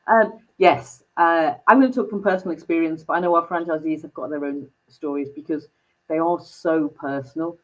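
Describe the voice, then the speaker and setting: A woman from the United Kingdom, a company founder, telling stories as an interview guest with lively jumps in pitch. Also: moderate pace, poor audio. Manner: animated storyteller, pitch jumps when excited. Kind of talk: interview conversation.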